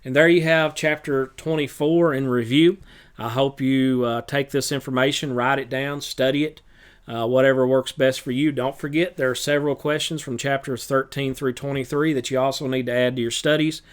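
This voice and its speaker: Smooth-voiced male teacher reviewing notes. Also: medium pitch, normal speed. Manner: relaxed, with many filler uhs. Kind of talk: recorded review lesson.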